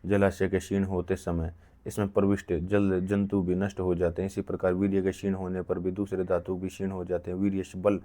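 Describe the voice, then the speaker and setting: A man reading an old medical text aloud in a slow recitation, with frequent halts and restarts. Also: deep voice, level tone, warm tone. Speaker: reader of an ancient medical text.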